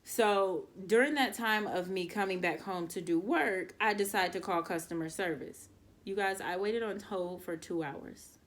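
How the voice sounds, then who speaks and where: Young woman vlogger, exasperated storyteller, casual and animated, talks right to her viewers. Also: mid-range voice, measured pace. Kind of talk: storytime vlog, casual chat to camera.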